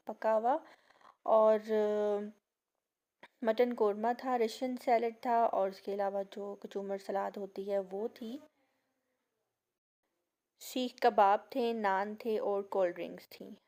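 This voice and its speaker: Soft-spoken young woman vlogger, sore throat. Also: mid-range voice. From Pakistan. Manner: chatty, leans on the filler "jo hai". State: sore throat and fever, talking slowly. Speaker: family vlogger. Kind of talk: casual vlog narration.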